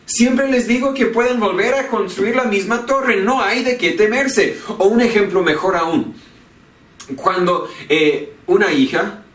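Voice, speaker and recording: A man's voice: sits high, measured pace, a bit bright, distant mic. Man preaching in an echoey church. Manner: earnest, repeats key phrases for emphasis. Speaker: pastor. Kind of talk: sermon. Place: church sanctuary.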